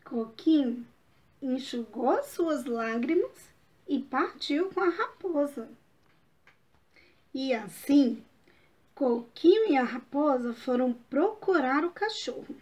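Slow, high-voiced storyteller woman. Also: animated, a little mellow. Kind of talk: children's story reading. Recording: dull lo-fi recording.

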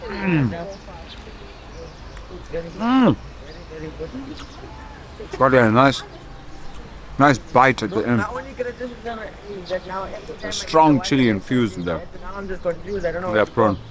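A man's voice: mid-range voice, sing-song, very slow, pauses often. A man, giving a casual food review in short, savouring phrases. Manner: savouring, short appreciative phrases while eating. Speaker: food vlog host. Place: outdoors in a parking lot. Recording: outdoor car park with chatter and traffic.

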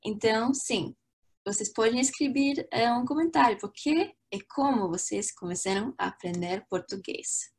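An upbeat young Latvian woman teaches a live online language lesson over a video call from a small indoor room, using her webcam microphone. Her voice is on the high side and slightly rough at a normal pace, and she's lively and chatty, full of fillers and restarts.

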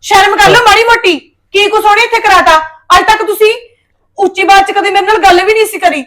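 A woman playing a scolding Punjabi wife, high and quick. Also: a bit bright. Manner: scolding, resentful complaints. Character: resentful young wife scolding her husband. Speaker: wife in a joint family. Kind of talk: short film acting.

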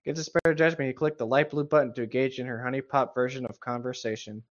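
A man co-hosts a casual read-aloud of a story, reading it while adding running commentary that is sarcastic, mocking and profane. His mid-range voice has fairly even intonation and a quick pace, and the sound is lo-fi.

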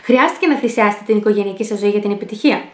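A woman's voice: mid-range voice, close to an everyday voice. Brief: a woman reading a flustered, hesitant young student girl in an echoey room.

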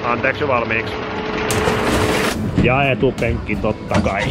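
A man vlogging at an amusement park, joking and shouting on the rides, his voice going hoarse. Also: medium pitch, loud music behind the voice. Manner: excited, jokey, shouts on rides. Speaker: YouTuber. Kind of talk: amusement park ride vlog. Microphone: action camera.

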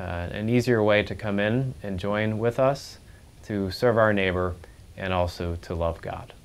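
Middle-aged male pastor, low-pitched, earnest and a bit halting, lapel mic, faint music bed. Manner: earnest, with frequent fillers and restarts. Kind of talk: welcoming church introduction to camera. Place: church office, then large church sanctuary.

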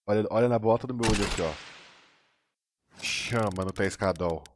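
A man with a Brazilian Portuguese accent, a gaming streamer giving casual case-opening commentary, excitable and full of slang, jumping into high squeals when he wins. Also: a little slow, noisy background. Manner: excitable, slangy, hyping himself up.

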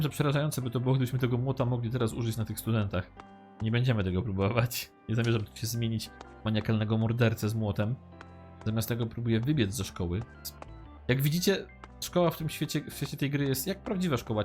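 A man's voice: mid-range voice, darkish tone. A man giving casual, joking commentary while playing a game, reading its lines aloud. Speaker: let's-play gamer.

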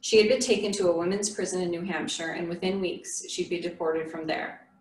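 A woman reads a memoir aloud in a measured, earnest way. Her voice sounds roomy and set back from the mic in a church, with a faint hiss underneath. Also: fairly low pitch, steady tone, darkish tone. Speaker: memoir reader. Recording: echoey room from a distant mic.

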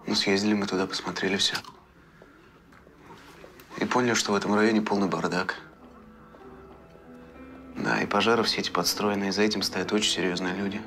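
A man's voice: lowish voice, little pitch movement, a little fast, pauses often, sharp tone, soft background music. A man in his thirties playing an earnest investigator in a naturalistic screen drama. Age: 30s.

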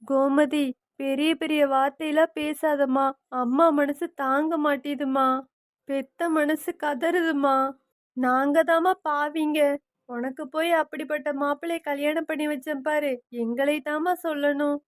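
A woman's voice: high voice, steady tone, a little slow, dry recording, clean studio sound. A woman voicing a lamenting, anxious village mother. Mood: distraught. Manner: pleading, lamenting. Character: anxious grieving middle-aged mother.

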